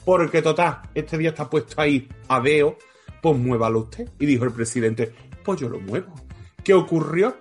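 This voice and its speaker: With soft music behind him, a man with a husky, somewhat high voice talks at a moderate pace while co-hosting a casual podcast. He laughs a lot and shares trivia stories in a joking, playful manner.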